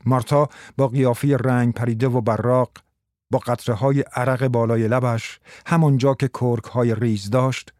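A man reading a story aloud in a steady, measured narration. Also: medium pitch, no echo, studio quality. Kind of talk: scripted audiobook narration.

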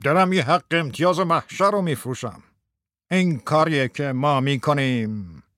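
A man's voice: a little high, a bit bright, no echo, clean studio sound, close to an everyday voice. An actor playing a chatty, self-satisfied middle-aged husband and businessman in a radio drama. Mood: boastful.

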